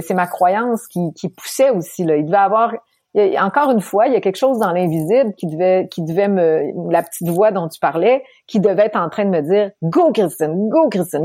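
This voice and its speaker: A woman from Quebec with a Québécois accent, telling her story as an interview guest, animated and laughing often. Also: mid-range voice, no room sound, clean studio sound. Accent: Québécois French. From Quebec, Canada.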